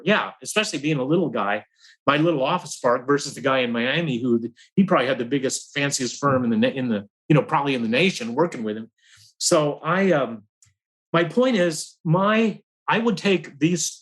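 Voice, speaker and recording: Middle-aged guy on a podcast, higher voice, telling a work story with lots of up and down. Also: poor audio. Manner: animated storyteller, lively pitch swings. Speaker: podcast guest, career advisor. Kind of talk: storytelling in interview.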